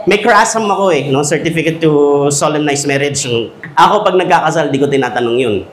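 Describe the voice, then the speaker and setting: A man giving a humorous, animated talk to teachers in a school hall. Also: on the high side, a little fast, slight background noise. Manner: animated, joking, acts out quoted voices. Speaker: speaker at a teachers' seminar. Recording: echoey hall.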